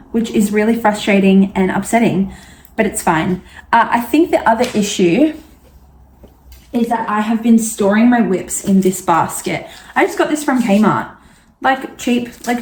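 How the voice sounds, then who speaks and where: A woman's voice: medium pitch, darkish tone, slight background noise. A young Australian woman chatting casually in a knitting vlog, full of fillers and asides. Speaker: knitting vlogger.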